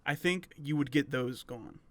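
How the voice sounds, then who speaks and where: A man's voice: medium pitch, normal speed, fairly bright tone, dry recording. A man co-hosting a podcast, chatting casually and pushing back with short, skeptical replies. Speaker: podcast co-host. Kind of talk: casual chat.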